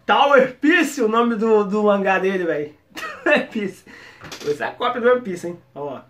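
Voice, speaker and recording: A man with a Brazilian Portuguese accent giving casual, excitable reaction commentary as an anime YouTuber. He laughs often and talks in slang. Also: high-pitched, normal speed.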